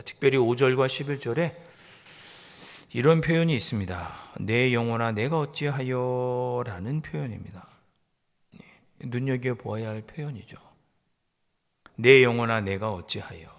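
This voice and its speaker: A man, a pastor, preaching a sermon that moves from calm explanation to loud, rising rebukes. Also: mid-range voice. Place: church sanctuary. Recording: long church hall reverb.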